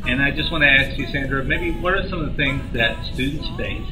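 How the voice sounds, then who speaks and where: A man's voice: medium pitch, a little fast. A man leading a campus ministry, hosting a promotional video in an earnest, preacherly way. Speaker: campus ministry leader and host. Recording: roomy sound from a distant mic with music behind.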